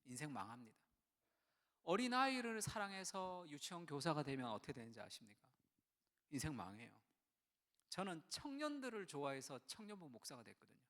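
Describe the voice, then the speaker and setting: A middle-aged male pastor delivering a sermon with lively storytelling. His voice sits high and rings bright, and it leaps up and down as he acts out the people he quotes. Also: brisk, in a large hall. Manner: animated storytelling, acts out quoted voices, wide swings from hushed to loud. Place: church sanctuary.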